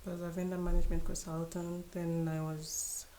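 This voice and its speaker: A young woman guest in a casual podcast conversation, pausing and restarting as she talks. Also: lowish voice, flat delivery, warm tone. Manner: hesitant, restarts often.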